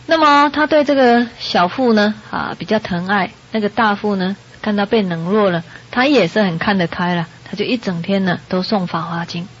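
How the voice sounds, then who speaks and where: A woman preaches a Buddhist sermon, telling a story to her listeners and voicing the people in it as she goes. Her voice is husky and a little breathy, at a middling pitch. The recording sounds dull and lo-fi. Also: moderate pace, few pauses. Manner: lively storyteller, acts out the characters' quoted lines. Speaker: Buddhist dharma teacher. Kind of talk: storytelling sermon to a live audience.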